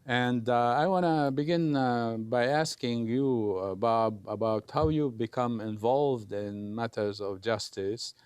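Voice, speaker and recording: Slow, smooth-voiced male host. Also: medium pitch, darkish tone, dry recording. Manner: deliberate, hesitant, frequent "uh". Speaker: host, professor. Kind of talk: TV talk show hosting.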